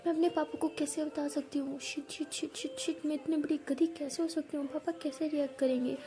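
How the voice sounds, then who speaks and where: A woman's voice: high voice, little pitch movement, moderate pace, over music, pitched above the performer's own voice, close to an everyday voice. A woman voicing an anxious young female college student who stammers when nervous. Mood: panicked. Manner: stammering, panicky.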